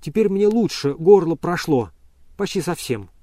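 Man doing an agitated gentleman, insistent, flustered, a bit higher, dry close sound. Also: expressive, moderate pace, no echo. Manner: insistent, pushy.

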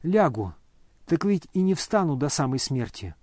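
A man voicing a calm, weary dying young man who speaks hoarsely and quietly, almost in a whisper. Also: fairly high pitch, dry recording, clean studio sound. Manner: calm, polite, measured.

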